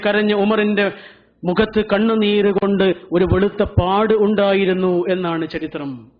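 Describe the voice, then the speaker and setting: A male preacher with a Malayalam accent tells a story in a sermon, dramatic and emotional, with repeated refrains. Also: high voice. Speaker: Islamic preacher. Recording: dull lo-fi recording.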